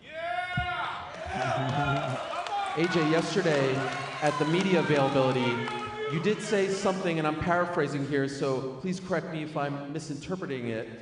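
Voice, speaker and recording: Chatty male press-conference host, going hoarse, roomy reverb and faint crowd noise. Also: fairly high pitch, fairly quick. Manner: upbeat, chatty, playful. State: losing his voice. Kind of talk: press conference moderating, hype introductions. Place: large echoey press room. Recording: echoey hall, faint ambience.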